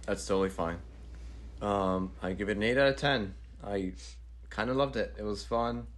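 A man's voice: lowish voice, normal speed. A man co-hosting a podcast, giving a playful, enthusiastic movie review in casual chat. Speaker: podcast co-host.

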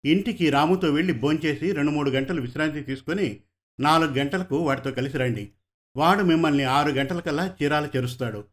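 A man reading the warm, reassuring lines of a kind young woman doctor in a storybook. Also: a little high, brisk, lightly acted.

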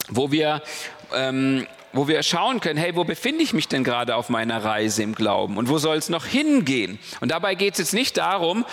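A man's voice: mid-range voice, fairly bright tone. A man giving a casual, conversational sermon, often checking in with his listeners. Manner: casual, conversational preaching with frequent "ja?" and "okay?". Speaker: preacher. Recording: long hall reverb.

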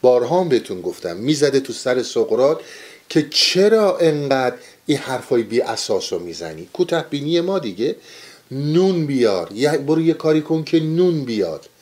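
A man's voice: mid-range voice, very animated, a little mellow. A man giving a spiritual lecture on mystic poetry, speaking earnestly and urging listeners to pay attention.

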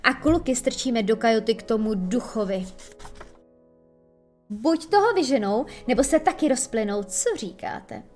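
Lady doing a nasty sneery pirate captain, pitched up high, loud and mocking, storybook reading. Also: expressive, soft background music, natural voice. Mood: scheming. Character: menacing male pirate captain, cruel and mocking. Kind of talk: audiobook reading.

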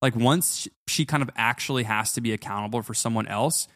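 A man's voice: mid-range voice, a little fast, fairly bright tone, no room sound. Thoughtful man on a dry podcast mic. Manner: thoughtful, analytical, many hedges. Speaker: podcast co-host. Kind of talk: casual TV recap chat.

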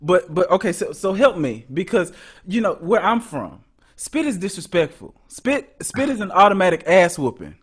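A man co-hosting a casual podcast, with a fairly high voice whose pitch swings widely. He jokes around and tells animated stories, reacting loudly to what the others say. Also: normal speed, slightly rough. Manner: animated, joking, storytelling. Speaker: podcast co-host. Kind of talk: casual chat.

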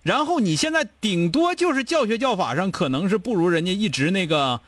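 A man with a Northeastern Mandarin accent lectures a caller bluntly, firing off one rhetorical question after another. His voice sits very high for a man and leaps around a lot. The sound is dry and close, with no room echo. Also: expressive, fairly bright tone. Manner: blunt, scolding, rapid-fire rhetorical questions. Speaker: advice show host. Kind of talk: call-in advice chat.

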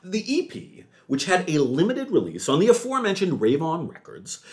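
A male podcast host with a slightly high voice that leaps all over the place. He talks in a gushing, theatrical way and breaks into excited yelps. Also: normal speed. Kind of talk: enthusiastic music podcast chat.

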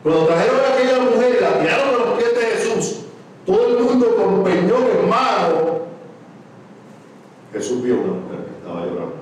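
A man preaching a sermon, swinging from shouts to hushed words. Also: sits high, a little hiss or hum. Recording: echoey, distant room mic.

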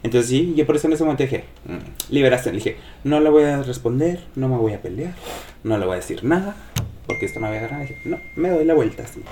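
Guy dishing gossip on a podcast, acts out every quote, middle pitch. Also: fast talker, slight background noise. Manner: animated storyteller, acts out quoted voices. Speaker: podcast co-host telling gossip. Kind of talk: casual gossip chat.

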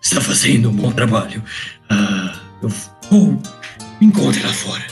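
A game master voicing a demonic female witch in a tabletop game, speaking slowly with a deep demonic voice. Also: sing-song, soft background music. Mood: ominous.

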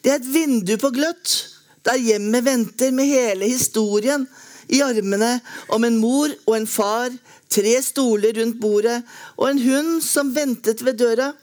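A woman reading a lyric poem aloud in a slow, measured, lyrical way with long pauses. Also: a little high, a little mellow. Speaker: poetry reader.

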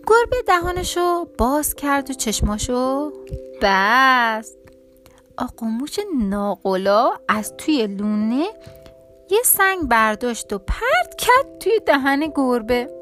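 A woman reading a children's storybook aloud in a lively, expressive way. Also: sits high, faint music behind.

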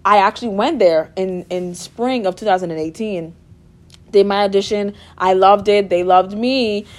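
A bubbly young woman from the Bahamas speaks in a mid-range voice at a moderate pace, laughing often and using many fillers. She's a music therapy student chatting casually as an interview guest.

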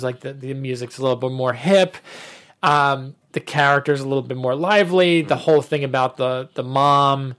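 Male podcast host, 30s, raised voice, eager and repetitive in casual movie chat. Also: on the high side. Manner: enthusiastic, repeats himself when excited.

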